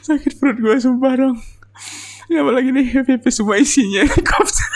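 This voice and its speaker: A young adult reaction vlogger, laughing to tears and exclaiming loudly over and over in casual commentary. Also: sits high, brisk. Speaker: reaction video creator.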